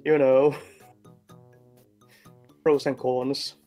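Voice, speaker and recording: A man's voice: mid-range voice, level tone, extremely slow, dark tone, faint music behind. A man playing a tabletop game, chatting casually in a hesitant way. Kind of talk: casual chat.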